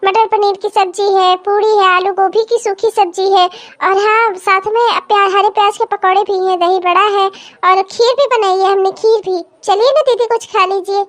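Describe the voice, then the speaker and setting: A jealous young cartoon daughter-in-law with a sharp tongue. She sounds sarcastic and whiny, in a piercing, very high voice. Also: fairly even intonation, moderate pace, hardly any pauses. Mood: falsely sweet. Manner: sarcastic, complaining, falsely sweet. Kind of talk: cartoon comedy voice acting.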